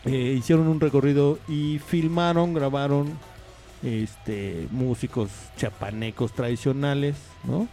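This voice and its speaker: A Mexican man with a mid-range, dark voice hosts a casual community radio show, chatting on air in a rambling way full of fillers and asides. Faint music sits behind him in the radio studio.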